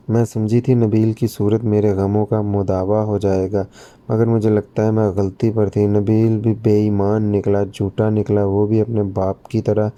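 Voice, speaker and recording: Grieving bitter village mother, read by a man, low voice, flat delivery, very dark tone. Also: natural voice.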